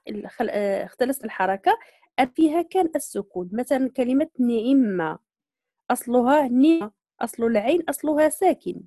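A woman teaching Quran recitation, patiently explaining readings, slowly modeling words and checking that students follow. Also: a little high, dark tone, no room sound, studio quality. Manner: patient, repeats points and checks understanding. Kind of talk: online tajweed lesson.

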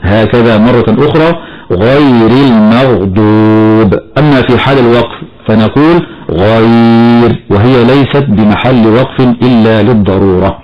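A man teaching Quran recitation rules in a measured, explanatory way, chanting short verses slowly as examples. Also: mid-range voice, faint music behind. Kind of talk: tajweed lesson with slow recited examples. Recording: dull lo-fi broadcast audio.

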